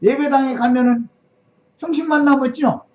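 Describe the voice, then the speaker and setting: High-voiced preaching woman, sarcastic and emphatic. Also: steady tone, normal speed, a little mellow. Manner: emphatic, sarcastic, fires rhetorical questions. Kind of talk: sermon. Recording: dull lo-fi recording.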